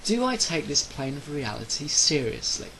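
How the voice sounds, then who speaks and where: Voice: mid-range voice, sing-song, moderate pace, pushed and bright, a little hiss or hum, rough recording. A person delivering a rambling, opinionated monologue in a theatrical, declamatory way, drawing out phrases for emphasis. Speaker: solo speaker of a rant video.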